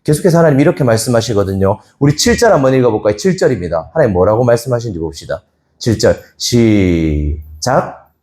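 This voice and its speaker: A male pastor preaches a Sunday sermon. His pitch rises and falls a lot as he asks the congregation questions. He sometimes acts out a scolding voice. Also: very animated, racing, few pauses, darkish tone.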